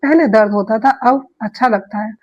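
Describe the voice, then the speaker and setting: Woman reading timid young wife, hurt, soft pleading, storybook, lo-fi. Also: fairly high pitch, normal speed, lightly acted.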